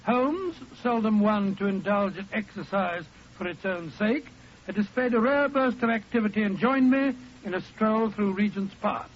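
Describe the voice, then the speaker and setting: An actor playing a genial, chatty older English doctor and storyteller in 1940s radio style. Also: male voice, sits high, animated, moderate pace. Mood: storytelling. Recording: muffled, hissy 1940s radio recording.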